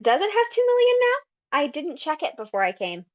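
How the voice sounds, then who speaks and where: A woman guest on a podcast, talking casually about her writing in an unhurried, thoughtful way with frequent ums. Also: sits high, wildly swooping pitch. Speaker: guest fanfiction writer. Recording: slightly dull lo-fi audio.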